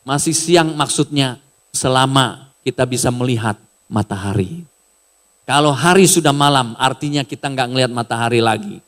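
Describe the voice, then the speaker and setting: A middle-aged man preaching a sermon in a casual, animated way, sometimes raising his voice. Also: medium pitch, moderate pace. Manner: casual, animated preaching with raised shouted bits. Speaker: pastor.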